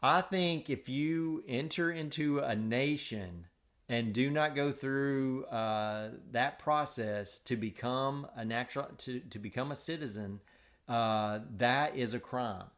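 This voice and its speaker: Male podcast co-host, deliberate and halting, debating casually. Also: medium pitch, a bit bright. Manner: halting, many restarts and fillers.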